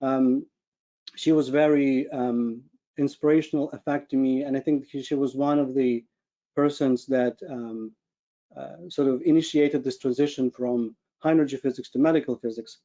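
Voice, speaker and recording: In an informal personal presentation on an online video call with his screen shared, a Ukrainian webinar speaker who is a medical physicist earnestly searches for words. His mid-range voice is warm and steady at normal speed, carrying a Ukrainian accent, over dull audio.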